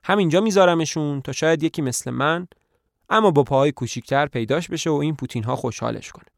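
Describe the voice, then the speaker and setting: A man's voice: a little high, vocal fry, no echo, clean studio sound. A man voicing a gloomy aging male tramp who talks in a glum, resigned way in a podcast play reading.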